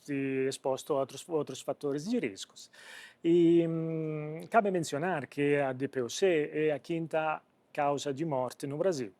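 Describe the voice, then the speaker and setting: A man from Italy, a company president appearing as an interview guest, discusses business in an Italian accent with a hesitant, halting manner, repeatedly searching for words. His voice is a little high with a darkish tone, and the recording is dry.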